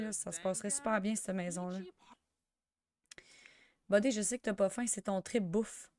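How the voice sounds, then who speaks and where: A young woman with a Quebec French accent chatting through a life-sim game, excitable and sprinkling in English slang. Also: mid-range voice, no room sound. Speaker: gamer. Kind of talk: let's play commentary.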